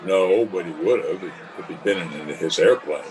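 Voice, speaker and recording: An actor playing a dry, formal small-town mayor in an old-time radio comedy, sarcastic and easily flustered. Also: male voice, deep voice, normal speed, crowd noise, close to an everyday voice, rough recording. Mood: wry. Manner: formal, sarcastic, getting tongue-tied.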